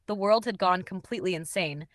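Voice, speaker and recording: A woman giving steady, dramatic scripted narration of an audiobook. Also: on the low side, fairly quick, dry recording. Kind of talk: scripted narration of a dark romance.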